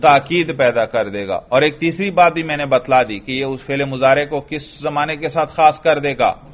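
A man teaching Arabic grammar in to a class, slowly repeating phrases and quizzing his students. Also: medium pitch, lo-fi sound. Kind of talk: classroom lesson.

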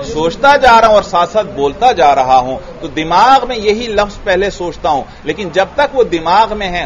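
A man with a somewhat high voice teaching a grammar class. He keeps asking the students questions and repeats their answers back to them. The recording sounds dull and lo-fi.

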